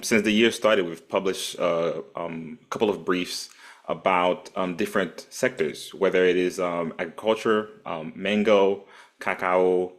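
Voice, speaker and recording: A man from Haiti, speaking thoughtfully as a panelist in an online discussion, often pausing with "um". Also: deep voice. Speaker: panelist, policy group founder.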